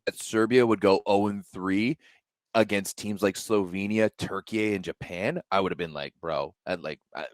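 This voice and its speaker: Young dude on a sports podcast, deep voice, super chatty and slangy, dry mic. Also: male voice, moderate pace, dry recording. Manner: chatty and slangy, lots of fillers and repeats. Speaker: podcast co-host. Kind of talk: casual sports chat.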